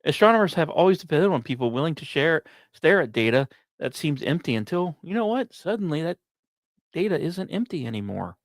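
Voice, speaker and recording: This podcast host is a man with a fairly high, sing-song voice, reading scripted science narration in a dramatic, storyteller style. Casual asides and deliberate pauses break up his delivery. The studio-quality audio has no echo.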